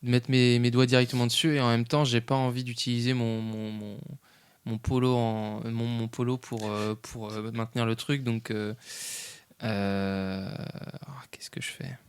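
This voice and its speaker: A man's voice: medium pitch, level tone, moderate pace, smooth. A man playing a tabletop horror game, describing his character's actions with stammers and repeats. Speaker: player.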